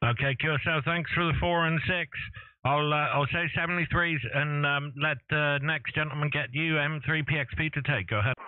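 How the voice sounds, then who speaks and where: A man's voice: fairly high pitch, fairly even intonation, slight background noise. Man over fading shortwave radio. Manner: polite, brisk radio procedure talk with call signs. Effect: fading shortwave radio signal. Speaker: amateur radio operator. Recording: thin phone-like radio audio, dry.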